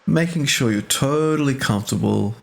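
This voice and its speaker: With a gravelly, medium-pitched voice, a male teacher leads a guided meditation. He keeps it gentle and slow, pausing after short phrases.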